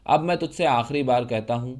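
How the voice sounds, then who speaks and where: A man's voice: medium pitch, darkish tone, lightly acted. A man reading the lines of a blustering man who tries to sound stern but is soon cowed. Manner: stern, then subdued.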